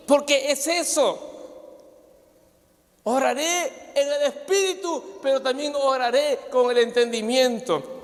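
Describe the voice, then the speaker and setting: High-voiced fervent preaching man. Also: slow. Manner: fervent preaching that rises to shouts. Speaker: pastor. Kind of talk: sermon. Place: church. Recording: hall reverb with soft music behind.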